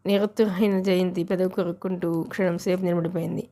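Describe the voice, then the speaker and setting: A woman's voice: lowish voice, little pitch movement, quick pace, warm tone. A woman narrating a novel as an audiobook reader, telling the story steadily.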